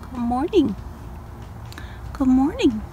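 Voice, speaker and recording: An older woman vlogger films on a handheld phone camera while doing morning farm chores in the backyard and shed, outdoors at night, casually narrating and talking sweetly to her dogs and chickens in a high sing-song. Her voice is slow and mellow with big pitch swings, the highs are cut off, and there's slight background noise.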